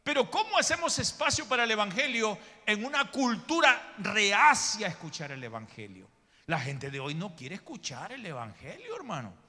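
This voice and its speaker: A man's voice: high voice, huge pitch swings, normal speed, sharp tone, in a large hall. A male pastor preaching a sermon in church, emphatic, calling his listeners brother and acting out the people in his stories. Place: church sanctuary.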